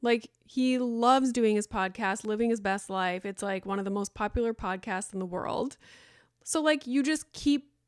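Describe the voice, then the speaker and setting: A woman's voice: on the high side, moderate pace, smooth, no echo, clean studio sound. A woman in her thirties hosting a solo podcast, talking in a chatty, rambling way with lots of "like" and fillers. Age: 30s. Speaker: podcast host.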